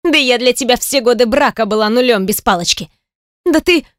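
A woman reading an audiobook voices a sharp-tongued ex-wife, accusing and scornful. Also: on the high side, animated, brisk, no echo, studio quality, voice pushed up, lightly acted.

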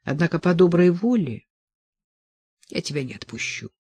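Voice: medium pitch, sing-song, moderate pace, a little mellow, husky, no echo. Lester, a commanding persuasive man, as the reader voices him. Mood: insistent. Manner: insistent, reasoning. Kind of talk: audiobook dialogue.

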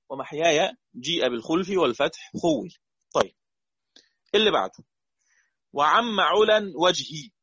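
A man with an Egyptian accent teaching a lesson on Quran recitation variants, explaining in casual speech and slowly chanting the verses he quotes. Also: a little high, fairly bright tone, slightly rough, no room sound, muffled recording. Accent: Egyptian Arabic.

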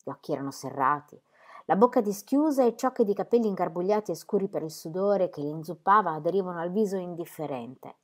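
Lower-voiced woman reading a novel aloud. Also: lively intonation, brisk, darkish tone. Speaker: audiobook reader.

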